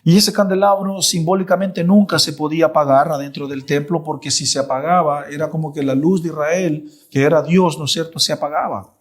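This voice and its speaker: A man's voice: a little high, fairly even intonation, brisk. A man teaching a Bible lesson in a sermon style. He is emphatic and repeats himself, often checking in with his listeners.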